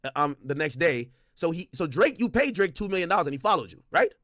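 Quick, higher-voiced male interviewer. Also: very animated, fairly bright tone, dry recording, studio quality. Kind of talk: interview questioning.

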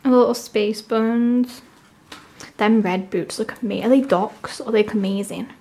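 A woman with a sore, swollen-tonsil voice from tonsillitis, chatting casually and gushing excitedly as she hosts an unboxing. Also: on the high side, unhurried. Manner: gushing, enthusiastic. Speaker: unboxing video host.

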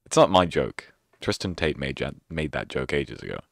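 A man's voice: rumbling low, big pitch swings, normal speed, gravelly, no room sound. A young man streamer closing out his stream with casual, rambling, self-mocking sarcastic chatter into a close microphone. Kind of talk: casual end-of-stream chat.

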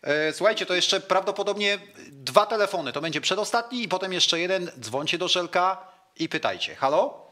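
A man with a Polish accent hosting a call-in sports show, chatting with callers and telling animated stories. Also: high-pitched, brisk. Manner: animated storyteller who acts out other people's lines. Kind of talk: lively studio chat with callers.

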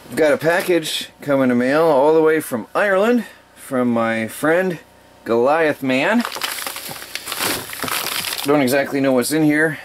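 Taking his time with long pauses, a man with a slightly high, animated voice rambles chattily through his outdoor homesteading chores. He narrates casually in first person into a head-mounted action camera, and a little hiss or hum runs under the recording.

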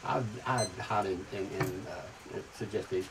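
A man's voice: on the low side, a little slow. An older man hosting a cooking show, chatting in a folksy way and repeating his words. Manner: folksy, repeats words, laughs at own jokes. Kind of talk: casual chat. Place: outdoor patio set with garden. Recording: distant mic, faint outdoor noise.

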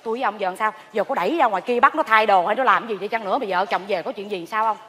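A woman's voice: mid-range voice, racing, breathy edge. An actress playing a gossipy woman who sweeps leaves at a temple, in a live stage comedy. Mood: gossiping. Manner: excitable gossip, exclaiming. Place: large theater stage. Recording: stage hall with audience.

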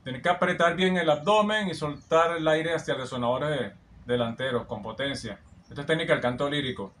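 A male vocal coach talks fairly quickly in a slightly high, fairly bright voice, reacting to a singer's track that plays in the background. Full of admiration, he explains how the singing works and keeps singing snippets back.

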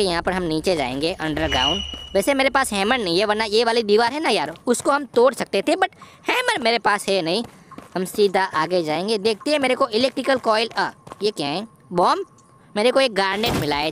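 A woman giving excitable, giggly commentary over a horror game, boasting and joking. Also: mid-range voice, normal speed, background noise. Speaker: gameplay YouTuber. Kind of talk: let's-play commentary.

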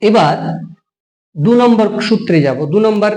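A man's voice: high-pitched, expressive, moderate pace, a little mellow, reverberant, soft background music, rough recording. A man teaching a grammar lesson, explaining patiently and repeating words for emphasis.

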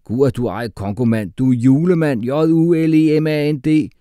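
A man voicing an exasperated male schoolteacher who shouts and gets flustered. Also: medium pitch, lively intonation, dry recording, studio quality, pitched above the performer's own voice, natural voice.

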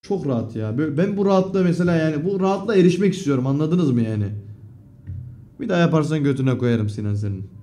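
A young man streaming live, casually reading out his viewers' messages, cursing freely and breaking into loud outbursts. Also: a little high, animated, fast. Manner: profane, swearing often, loud outbursts.

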